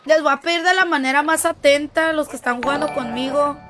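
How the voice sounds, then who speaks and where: Woman, Mexican accent, high voice, game streamer, playful teasing banter. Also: quick pace, a crowd in the background. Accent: Mexican Spanish. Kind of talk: casual gaming stream chat.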